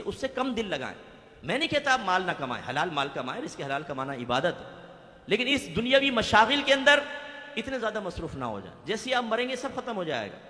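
A man's voice: sits high, fairly bright tone. A male preacher giving an emphatic, vivid sermon, pushing his voice up to stress his points. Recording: echoey hall with long reverb.

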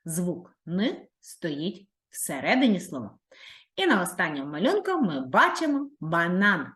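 A woman's voice: fairly low pitch, very animated, measured pace, fairly bright tone, roomy sound. A female primary school teacher with a Ukrainian accent giving a video lesson to young children, drawing out sounds in a sing-song, encouraging way.

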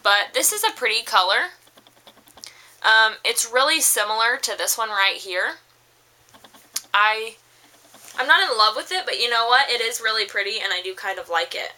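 A young woman rambling through a casual makeup haul review, full of fillers and restarts, her voice a little hoarse from allergies. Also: a little high, moderate pace, long pauses, pushed and bright, rough recording. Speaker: beauty vlogger.

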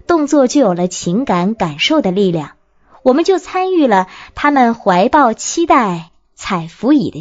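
Lively woman narrating an audiobook. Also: on the high side. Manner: expressive reading with rhetorical questions. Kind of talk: scripted narration of a book on classical poetry. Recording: dull lo-fi audiobook recording.

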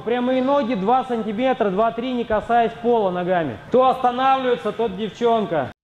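High-pitched gym-bro coach, a man. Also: normal speed, slight background noise. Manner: hard-driving motivational hype with teasing jabs. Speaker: martial arts coach. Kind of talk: gym bro workout coaching, counting reps and barking short commands. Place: large indoor martial arts gym with mats. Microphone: camera a few meters away. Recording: echoey gym, music behind.

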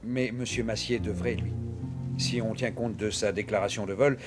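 A man in his fifties playing a gruff, wily police inspector in a dubbed TV crime drama, with a dry, sardonic manner. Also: fairly low pitch, fairly even intonation, moderate pace, music in the background, close to an everyday voice. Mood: quiet, wry. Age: 50s. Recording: noisy TV soundtrack with background ambience.

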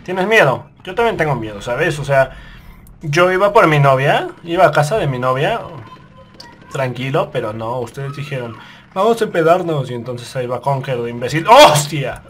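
A man commentating on his own game run, swearing, yelling when startled, and muttering to himself. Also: medium pitch, lively intonation, moderate pace. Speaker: gaming video host. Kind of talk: let's play commentary.

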